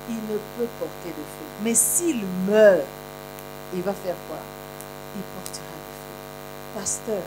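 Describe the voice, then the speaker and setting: A woman from Kinshasa with a Congolese French accent, addressing a church gathering as a guest minister's wife, fervent and repeating phrases for emphasis. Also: mid-range voice. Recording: mains hum and electrical buzz.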